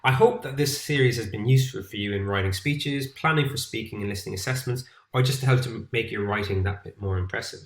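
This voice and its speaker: A man with an Irish accent, an English teacher giving a clear, steady, scripted lesson to camera. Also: fairly low pitch, fast, few pauses. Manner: clear, steady explanatory delivery. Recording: roomy echo.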